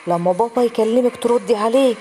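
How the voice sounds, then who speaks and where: A creepy, temperamental man, as a woman narrator puts him on, speaking Egyptian Arabic in a raised, strained voice. He coaxes sweetly and then snaps. Loud background music runs under the horror story. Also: mid-range voice, steady tone, fast talker, lightly acted, poor audio. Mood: yelling. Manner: switches between syrupy coaxing and snapping. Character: creepy middle-aged man, sinister, quick-tempered.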